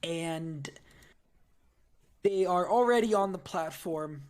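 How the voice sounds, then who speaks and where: A man's voice: fairly high pitch, slow. Rambling man narrating as game master. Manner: loose, rambling narration with fillers.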